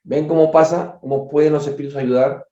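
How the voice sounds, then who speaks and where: A man's voice: on the high side, fairly even intonation, fairly quick, warm tone. A man leading a study group, reading a book aloud and breaking off to comment to his listeners in a conversational way. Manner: conversational, with frequent asides to listeners. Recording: echoey dull lo-fi room.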